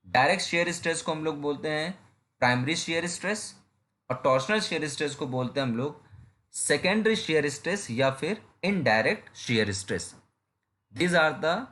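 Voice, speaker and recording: A man's voice: on the high side, fairly bright tone. A man with an Indian accent giving an engineering lecture, explaining step by step and often checking whether his students follow. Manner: explains step by step, keeps asking "clear?", calls students "beta". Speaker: engineering teacher. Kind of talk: classroom lecture.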